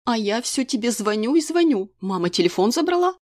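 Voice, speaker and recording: A woman's voice: on the high side, sing-song, a little fast, a little mellow, pitched above the performer's own voice. A woman voicing an overbearing, theatrical grandmother who laments and lectures while reading a story aloud. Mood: doting, lamenting.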